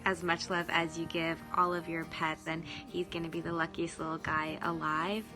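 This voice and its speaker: A woman gives upbeat, encouraging wishes to parents-to-be. Her voice sits slightly low, with music playing clearly behind her. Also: completely flat delivery, moderate pace. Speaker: friend giving well-wishes. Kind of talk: casual heartfelt message.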